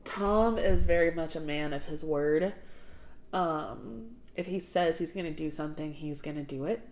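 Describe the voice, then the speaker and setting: A woman's voice: deep voice, measured pace, darkish tone. A young woman from the southern United States chatting casually on a livestream, laughing often and sniffling from draining sinuses as she answers viewer questions. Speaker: livestream host.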